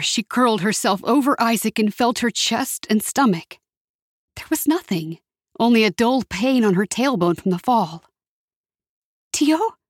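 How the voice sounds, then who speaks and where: A woman giving a steady, measured scripted narration of a story. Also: a little high, dry recording, studio quality.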